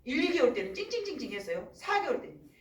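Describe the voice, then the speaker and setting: Middle-aged woman pastor, lively pitch, acts out voices, roomy church sound from a distance. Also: fast talker. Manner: animated storytelling, acts out voices. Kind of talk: sermon.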